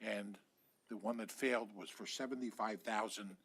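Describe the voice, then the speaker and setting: Husky, bright low-voiced man explaining. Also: steady tone, moderate pace. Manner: methodical, spells out amounts. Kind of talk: explaining a vote procedure.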